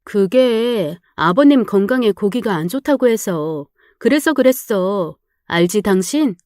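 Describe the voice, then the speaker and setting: An actress voicing a defensive, flustered young wife who pleads slowly, recorded close and dry. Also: female voice, mid-range voice, animated, darkish tone, no echo, close to an everyday voice.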